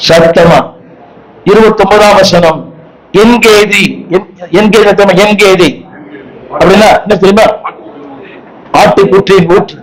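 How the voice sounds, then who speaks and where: A male preacher with a notably high-pitched voice leads a congregation through a sermon. He speaks emphatically, repeating lines and calling on the crowd to echo his words aloud. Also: steady tone, a little slow, long pauses. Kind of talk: sermon with call-and-response.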